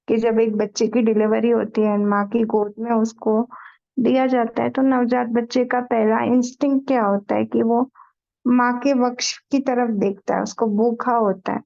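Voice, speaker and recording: A woman leading a meditation session, narrating a devotional story in an expressive storytelling manner to a group. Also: fairly high pitch, vocal fry. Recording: muffled lo-fi recording.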